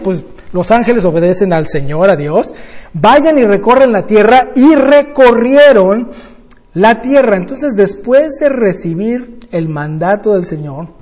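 An older man, a grandfather, teaching a Bible study sermon in a lively storytelling way, often ending with tag questions. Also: sits high, slightly rough, in a large hall.

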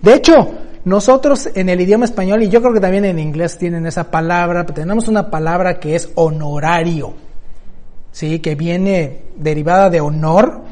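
A preacher man with a mellow, higher-pitched voice teaching from scripture. He explains word meanings step by step and checks in with his listeners through rhetorical questions. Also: moderate pace. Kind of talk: bible teaching sermon.

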